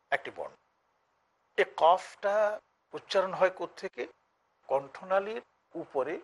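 A man teaching Quran recitation in a lecture, explaining each point step by step, asking and answering his own questions and sounding out Arabic letters slowly. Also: a little high, a bit bright, slightly rough. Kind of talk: lecture on tajweed.

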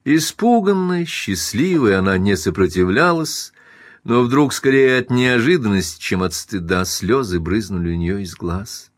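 Low-voiced male audiobook narrator. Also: lively intonation, measured pace, no echo, clean studio sound. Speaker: audiobook reader. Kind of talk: scripted narration of a classic novel.

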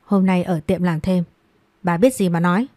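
A woman's voice: lowish voice, normal speed, darkish tone, no room sound, natural voice. A woman voicing a wronged young woman who answers back in a choked, defiant voice. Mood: hurt defiance.

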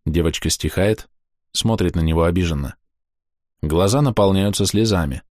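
A man narrating an audiobook in a measured, expressive way. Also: sits low, no echo, clean studio sound.

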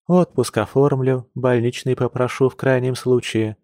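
A man voicing an anxious, tender young woman who is a bear shapeshifter, speaking softly with sighs. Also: medium pitch, fairly even intonation, normal speed, no room sound, clean studio sound, natural voice. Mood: worried.

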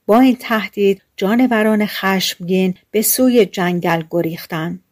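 A woman reading a fairy tale aloud as an audiobook narrator, in a gentle, measured storytelling manner. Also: mid-range voice.

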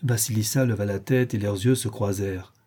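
Mellow, husky male audiobook narrator. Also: fairly low pitch, fairly even intonation, brisk.

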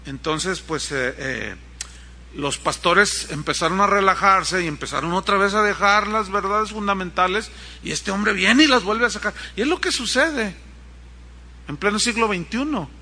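At a moderate pace, a man preaches in a high voice with a conversational feel, turning to the congregation for asides. His storytelling is animated, and he performs the quotes he recounts.

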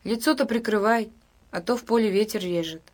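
A lonely young village woman speaks in a hushed, coaxing voice, caring and a little rueful. A woman reads her lines with a mid-pitched voice. Her tone rises brightly when she urges and fusses. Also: fairly quick, lightly acted.

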